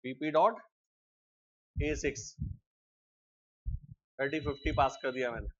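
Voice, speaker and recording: A man's voice: mid-range voice, unhurried. Guy teaching a coding class live, keeps asking the class questions, kinda muffled recording. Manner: asks students frequent check questions. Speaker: programming teacher.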